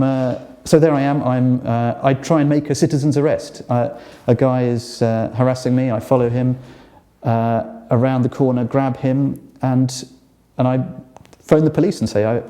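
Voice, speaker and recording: A British journalist in an interview telling a personal story in an animated way, with lots of fillers and restarts. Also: male voice, medium pitch, moderate pace. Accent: British English. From Britain.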